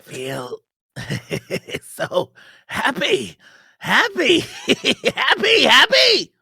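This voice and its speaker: A man's voice: sits low, wildly swooping pitch, extremely slow, gravelly, a bit bright, husky, no room sound, pitched below the performer's own voice, exaggerated voice. A man voicing a murderous giant male reptile monster in improvised comedic role-play, groaning and cackling. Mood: giddy. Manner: groaning, then giddy laughing.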